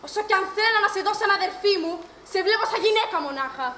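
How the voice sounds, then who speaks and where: A woman's voice: very high-pitched, lively intonation, sharp tone, a little hiss or hum, heavily acted. A woman on stage playing a bitter, jealous young sister who speaks sternly and reproachfully, recorded live and echoey. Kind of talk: amateur stage acting.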